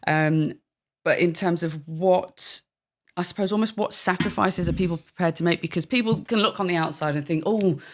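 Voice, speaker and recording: A podcast host in casual chat, asking halting, rambling questions with frequent restarts. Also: mid-range voice, a little hiss or hum.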